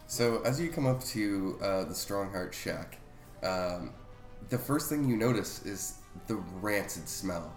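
A man's voice: lowish voice, animated, measured pace. A man playing a tabletop game, describing a scene in a hesitant way with many fillers. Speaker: player. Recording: echoey room with faint music.

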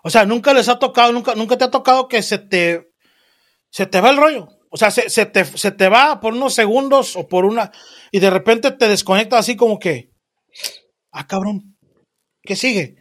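A comedian hosting a casual interview, animated and profane, acting out stories as he talks. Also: high-pitched, a little fast. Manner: animated, profane, acts out his own nerves. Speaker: host, comedian and singer.

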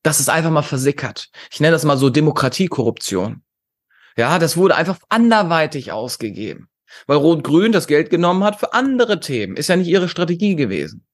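In brisk, sing-song fashion, a man from Germany shares his outspoken views as a podcast guest. The conference founder's voice is on the high side, and he drives his points home with rhetorical questions.

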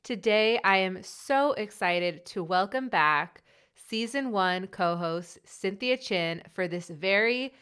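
A woman's voice: mid-range voice, lively intonation, takes it slowly, a bit bright, clear, resonant tone, no room sound, studio quality. A woman who stutters, hosting a casual podcast chat with repeated sounds in her words. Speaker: podcast host.

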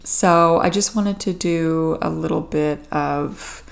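Slow-paced Canadian woman with a creaky voice. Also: low-pitched. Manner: rambling, informal, self-deprecating. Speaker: podcast host. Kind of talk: casual solo podcast chat. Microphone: podcast microphone with pop filter.

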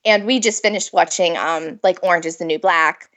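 A woman's voice: lowish voice, moderate pace, fairly bright tone. A pregnant woman, a food blogger guest, chatting casually in an interview, giggling often and filling her speech with "like". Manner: chatty, giggly, lots of filler "like".

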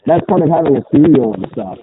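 A man's voice: fairly high pitch, expressive, quick pace. A man hosting a podcast in casual, blunt chat, his voice muffled as if talking through a sweater. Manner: casual, blunt, swears freely. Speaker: podcast host. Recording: muffled phone-like line with loud background noise.

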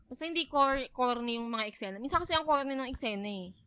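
A woman with a Filipino accent hosting a casual film chat, relaxed and often agreeing. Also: high voice, fast talker, clean tone, no room sound, studio quality. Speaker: host.

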